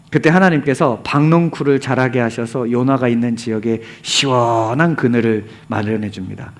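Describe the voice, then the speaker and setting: A male pastor preaching with a high, very lively voice that swings widely in pitch. He tells the story with animated rhetorical questions to his congregation. At key points he sinks to a near whisper. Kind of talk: sermon.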